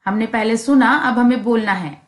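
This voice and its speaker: A woman's voice: a little high, moderate pace, reverberant. A woman teacher, reading English textbook lines and explaining them in Hindi, sounding out letters for the children.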